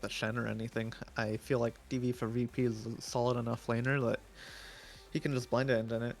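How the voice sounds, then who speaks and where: A man breaks down a live esports draft in a loose, chatty way, full of fillers. His voice is going hoarse. Faint music plays behind him. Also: medium pitch. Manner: chatty, opinionated, many fillers. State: losing his voice. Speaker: esports analyst.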